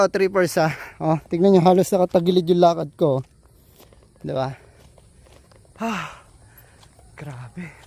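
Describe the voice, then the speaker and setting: Breathless, excitable man on a hike. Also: high-pitched, dry recording. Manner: excited, exclaims often, addresses viewers as trippers. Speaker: travel vlogger. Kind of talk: casual walking travel vlog. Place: steep mountain trail outdoors. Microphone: handheld phone.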